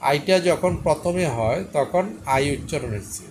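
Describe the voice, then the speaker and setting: A man with a slightly high voice teaches English pronunciation in a patient lesson. He spells out each letter and sound slowly and repeats every word. A faint hiss of noise sits under the recording. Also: expressive.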